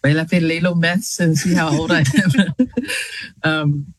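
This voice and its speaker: Deep-voiced and fairly even in intonation, this New Zealand journalist in her 30s speaks a little slowly while guesting on a talk show. The chat is casual, with frequent laughs, fillers, and restarts, and no room sound is audible.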